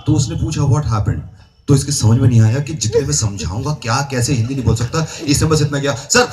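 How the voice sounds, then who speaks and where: A man from Delhi, a radio host, telling funny stories to a live audience in an animated, chatty way. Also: medium pitch, fast, crowd noise. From Delhi, India. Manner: animated storyteller, chatty and amused. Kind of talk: live anecdote talk to an audience. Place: university event hall. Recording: noisy live recording with clicks.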